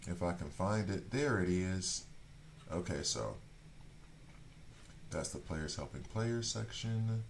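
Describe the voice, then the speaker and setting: A gaming streamer from Switzerland, German not being his first language, rambles casually with his viewers and reads chat out loud. His low, creaky voice is expressive, his pace slow, and he pauses often, with a little hiss or hum in the audio.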